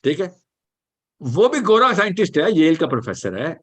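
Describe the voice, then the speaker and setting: A man leads an animated question-and-answer session. His voice sits slightly high, and he drives points home emphatically, weaving English phrases into his talk. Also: moderate pace. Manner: emphatic, switches often into English, repeats reassurances. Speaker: lecturer answering audience questions.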